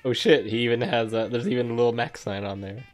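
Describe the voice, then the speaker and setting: A man's voice: medium pitch, fast talker, soft background music. A man giving casual, amused, rambling commentary as he streams a game.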